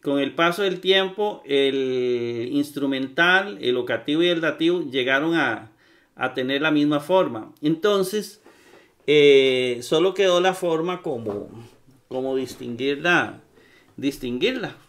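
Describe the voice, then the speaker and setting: A man giving a recorded grammar lesson. He talks haltingly, with many fillers and repeated words, and checks in with his listeners. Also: on the high side, a bit bright. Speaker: Greek grammar teacher.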